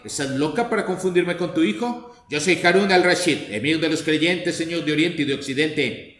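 A man's voice: fairly high pitch, normal speed, lightly acted. Man putting on a bossy, indignant young man who thinks he's a caliph, raised voice, storybook reading in an echoey room. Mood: furious. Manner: shouting, commanding, indignant. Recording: echoey room with faint noise.

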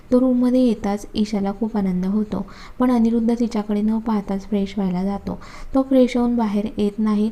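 A woman narrating a romance story in a steady, matter-of-fact reading. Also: medium pitch.

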